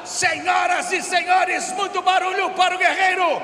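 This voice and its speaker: Male event announcer, grand entrance announcement, shouted showman delivery over echoey PA, faint noise. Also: extremely high pitch, little pitch movement, normal speed, some chatter behind. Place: live boxing ring in a large arena.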